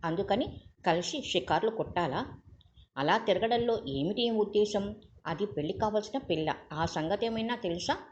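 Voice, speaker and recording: A woman's voice: mid-range voice, animated, normal speed, a little hiss or hum, natural voice. A woman voicing an indignant young male doctor who sternly questions others, on a muffled recording.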